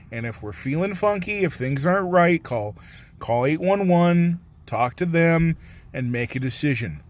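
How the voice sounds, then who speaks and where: Earnest man, slightly high voice. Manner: earnest, rambling, swears casually. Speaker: vlogger. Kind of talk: casual reassuring talk to camera.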